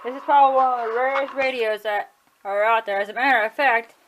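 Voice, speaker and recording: A woman with a fairly high, steady voice talks fast while showing off her collection in a room at home. Her casual tour is chatty and offhand, with frequent self-corrections and shrugs, and background noise is audible.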